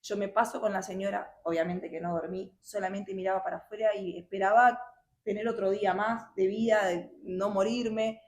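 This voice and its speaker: Halting young woman, roomy sound. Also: medium pitch, steady tone, a little mellow. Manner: halting, emotional storytelling with many restarts. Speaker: guest sharing her testimony. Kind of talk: personal testimony in conversation. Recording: roomy echo.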